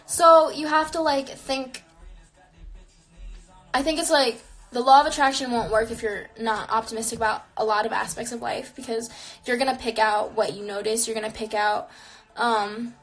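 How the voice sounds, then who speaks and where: Faint music sits behind a woman in her twenties whose voice runs on the high side with little pitch movement and a moderate pace. Live streaming indoors from a small, neon-lit bedroom, she chats reflectively while answering viewer questions, leaning heavily on "like." Her phone camera is held close to her face.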